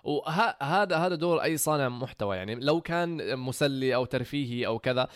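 A man hosting a casual chat, quick and animated, acting out quotes as he talks. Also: mid-range voice, smooth, no room sound, studio quality. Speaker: content creator hosting a conversation.

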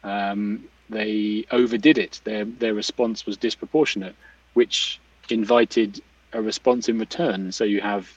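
A man's voice: fairly low pitch, steady tone, unhurried, breathy edge, no echo. A man explains things casually and thoughtfully, often restarting and rephrasing as he goes. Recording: distant mic, slightly dull, dry sound.

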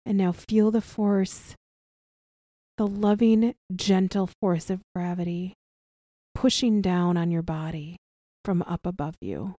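A woman leading a guided body relaxation as an instructor, speaking softly and soothingly with long pauses between short phrases. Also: fairly low pitch, fairly even intonation, no echo, clean studio sound. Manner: soft, gentle, soothing delivery with long pauses. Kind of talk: guided somatic relaxation practice.

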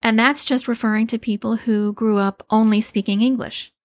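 A woman from the United States, an English teacher, giving a calm, reassuring podcast lesson. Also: on the high side, moderate pace, no echo, clean studio sound.

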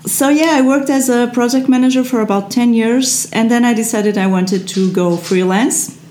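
Speaking with a fairly high, steady, darkish voice at normal speed, this Portuguese woman is an SEO translator guesting on a podcast. The interview chat is relaxed, with lots of fillers, restarts and laughter, recorded in an echoey room.

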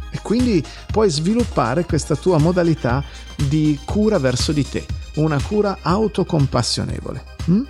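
A man giving a calm, gentle, reflective guided talk as a self-help teacher, unhurried and softly prompting his listener. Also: mid-range voice, creaky, slightly rough.

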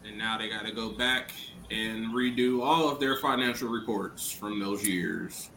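A man's voice: lowish voice, unhurried, sharp tone, faint music behind. A man co-hosting a podcast in casual, cocky banter, recorded in an echoey room. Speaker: podcast co-host. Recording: echoey room, faint noise.

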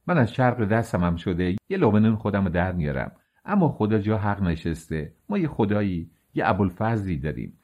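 A man voicing a foul-mouthed, sharp-tongued older woman pilgrim who curses and scolds. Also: on the low side.

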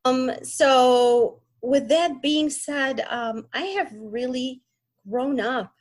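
Husky-voiced woman, halting with fillers. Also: high-pitched. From Middle East (born in Kuwait, raised in Egypt). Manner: hesitant, many fillers and restarts. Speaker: podcast guest. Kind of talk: casual interview talk.

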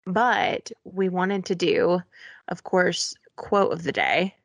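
Young female co-host, husky, gravelly low voice, dry close sound, easygoing and quick to laugh. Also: big pitch swings, dry recording. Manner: easygoing, laughs often, keeps the show moving. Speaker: podcast co-host. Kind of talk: casual chat.

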